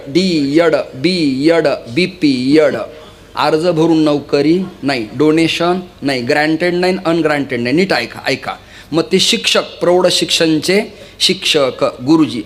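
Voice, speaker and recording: A man preaching a kirtan sermon, telling stories and repeatedly urging the audience to listen. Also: a little high. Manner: lively storytelling, often urging listeners to listen.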